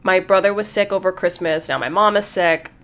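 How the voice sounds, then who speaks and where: A woman's voice: lowish voice, brisk, fairly bright tone. A woman hosting her own podcast in casual solo talk, a little congested, chatty and repeating words as she thinks. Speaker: podcast host.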